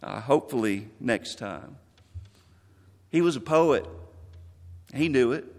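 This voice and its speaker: A man preaching a memorial sermon in a church, earnest and measured, quoting scripture. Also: mid-range voice, lively intonation, in a large hall. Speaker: pastor.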